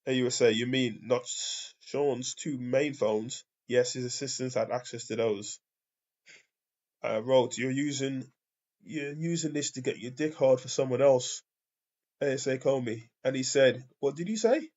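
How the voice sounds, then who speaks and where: A man's voice: medium pitch, unhurried, muffled recording. A British man, a commentator, reading out trial testimony in a plain voice and reacting to it. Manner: reads transcript flatly, then rants loudly with laughter.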